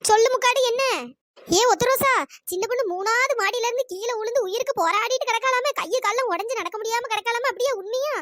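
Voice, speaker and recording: In a dry, studio-quality recording, sped-up cartoon voices of gossiping village women rattle away at chipmunk pitch. The chatter is rapid, excited and full of gossip.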